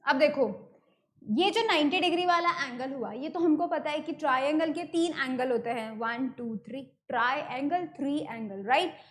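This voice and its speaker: A woman's voice: high-pitched, moderate pace, slight background noise. An Indian woman teaching an online math lesson, explaining step by step and repeating key terms, mixing English words into her talk. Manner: mixes English terms into Hindi.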